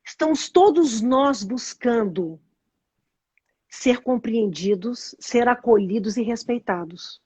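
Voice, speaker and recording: High, husky Brazilian woman host. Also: animated, slow pace, warm tone, no echo. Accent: Brazilian Portuguese. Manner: earnest, explanatory, restarts mid-phrase. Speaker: host explaining meditation and nonviolent communication. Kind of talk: casual live video chat.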